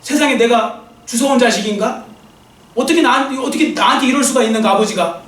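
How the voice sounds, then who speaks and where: A man's voice: very high-pitched, brisk, a bit bright. A man voicing an anguished young male defendant who pleads with his judge father. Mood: pleading. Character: frightened young man on trial, pleading and tearful. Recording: echoey church sound from a distant mic.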